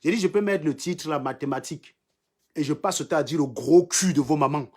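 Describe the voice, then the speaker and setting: His voice sits on the high side, fairly quick and slightly rough, carrying a Cameroonian French accent. As a livestream host he delivers an insulting, combative rant against commenters, mocking them and repeating lines for effect.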